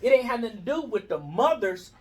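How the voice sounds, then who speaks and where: A man's voice: sits high, sing-song, fast, slightly rough. Preachy American man arguing in a barbershop. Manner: preachy, argumentative, repeats phrases for emphasis. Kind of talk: heated casual debate in a barbershop.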